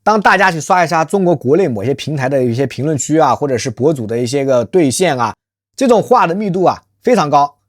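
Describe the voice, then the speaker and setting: Fast and lively in intonation, a mid-range voice carries this channel host's scripted monologue on social issues. The host is emphatic and rhetorical, often asking the audience questions, and uses a nickname for themselves in the third person. There's no room sound, and the quality is studio-grade.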